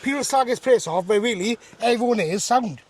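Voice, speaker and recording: High-voiced Welsh Valleys lad. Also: male voice, a little fast. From South Wales Valleys. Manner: slangy, ends phrases with "like" and "bro". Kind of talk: casual chat.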